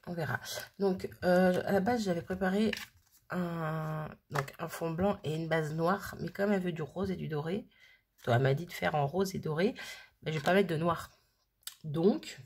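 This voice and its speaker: A woman's voice: fairly low pitch, a little mellow, slightly rough. A woman hosting a casual crafting video who chats and thinks aloud with plenty of fillers. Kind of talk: casual crafting tutorial chat.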